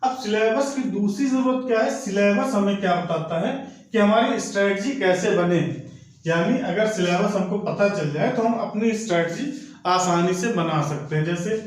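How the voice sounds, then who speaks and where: A man's voice: sits high, normal speed. A man teaching an exam coaching lecture, who explains patiently and asks and answers his own questions. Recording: very echoey room.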